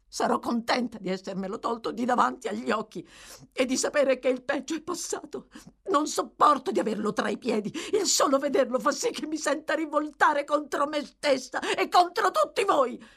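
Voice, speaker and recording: A bitter, defiant young woman from a storybook, voiced by a woman reader. Her lines come high and sharp, with wide, lively leaps in pitch. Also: normal speed, vocal fry, full character voice.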